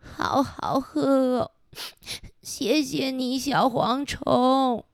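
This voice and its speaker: A woman's voice: high voice, sing-song, moderate pace, pushed and bright, no echo, studio quality, voice pushed up, full character voice. A woman voicing a greedy, grumpy male cockroach in a children's picture-book reading, whining and stammering. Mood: tearful. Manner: whiny, stammering. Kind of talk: picture-book read-aloud.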